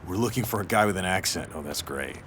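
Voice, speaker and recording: A man's voice: low voice, expressive, fast talker, a bit bright, a little hiss or hum. An actor playing a flippant young college guy with an offhand, slangy manner in a video game. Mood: flippant, casual. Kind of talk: casual video game dialogue.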